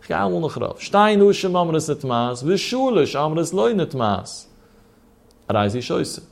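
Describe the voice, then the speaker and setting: A man's voice: fairly high pitch, sing-song, measured pace, gravelly. A man teaching a Talmud lesson in the traditional study-hall way, his voice rising and dropping in a sing-song chant as he asks and answers his own questions.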